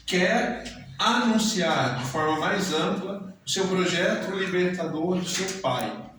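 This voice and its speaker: A man with a Brazilian Portuguese accent preaching a sermon in a slow, measured way with deliberate pauses. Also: high voice, expressive. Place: church hall. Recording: very echoey church from a distance, audible noise.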